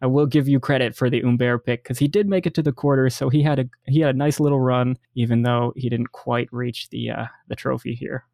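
An American man co-hosting a casual sports podcast, easygoing, laughing often, and trailing off softly. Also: medium pitch, fairly even intonation, brisk, creaky, few pauses, dry recording. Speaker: podcast co-host.

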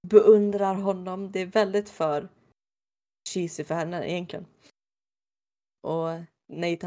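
A woman's voice: lowish voice, gravelly. A woman casually retelling a TV episode scene by scene, acting out the characters' lines as she goes. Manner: animated retelling, acting out quotes.

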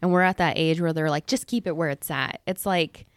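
A woman's voice: deep voice, fairly quick, clean tone, no room sound. A woman around thirty hosting her podcast, chatting casually, blunt and laughing, swearing freely. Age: 30s. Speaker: podcast host. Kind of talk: casual chat.

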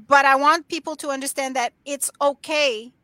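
A woman's voice: high-pitched, steady tone, moderate pace, fairly bright tone, no room sound. A woman joining a casual interview by video call, speaking in an emphatic, reassuring way.

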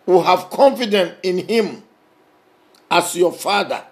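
A man preaching a sermon, emphatic and repetitive, swinging between raised passages and soft, intimate ones. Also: high voice, lively intonation, unhurried.

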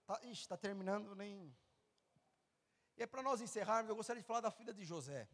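High-voiced pastor preaching in a reverberant hall. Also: male voice, brisk. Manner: animated preaching, acts out dialogue, rises to loud fervor. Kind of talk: sermon. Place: large church hall or event venue.

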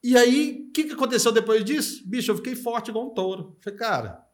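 With a very high-pitched, animated voice and a quick pace, a middle-aged man from Brazil recounts his personal story on a relaxed podcast. He speaks emphatically, asks "you know?" after his points, and leans on fillers such as "cara" and "entendeu."

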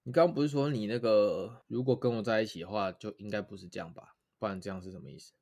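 Fast, blunt young man. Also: lowish voice, vocal fry, a little mellow, no room sound, clean studio sound. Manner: blunt, nonchalant, quick replies. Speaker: podcast co-host. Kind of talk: casual podcast chat.

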